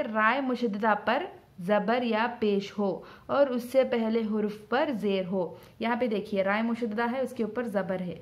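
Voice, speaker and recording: A woman teaching rules of Quranic letter sounds, explaining patiently and repeating each point, drawing out sound examples slowly. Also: a little high. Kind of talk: Quran recitation rules lesson.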